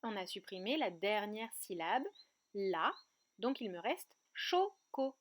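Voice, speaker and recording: A woman teaching a remote kindergarten lesson, speaking slowly and clearly and breaking words into syllables. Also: medium pitch, lively intonation. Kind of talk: remote lesson for young children. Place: outdoor terrace at night.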